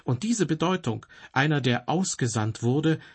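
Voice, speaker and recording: A man giving a scripted, measured Bible teaching in an earnest tone, stressing key words. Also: a little high, lively intonation, slightly rough.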